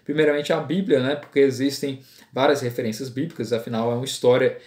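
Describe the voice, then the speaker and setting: Halting male lecturer in an echoey room. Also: mid-range voice, fairly even intonation, a little mellow. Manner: halting, with frequent fillers and "né?" tags. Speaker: teacher. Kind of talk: classroom-style lecture. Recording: roomy echo.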